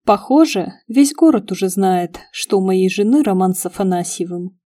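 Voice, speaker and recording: A polite middle-aged gentleman who speaks with quiet, rueful courtesy, as a woman reader voices him. The voice is mellow and soft-edged, never forceful. A character in an audiobook. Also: mid-range voice, lively intonation, moderate pace, natural voice. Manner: courteous, wistful. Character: polite, sad middle-aged male restaurateur.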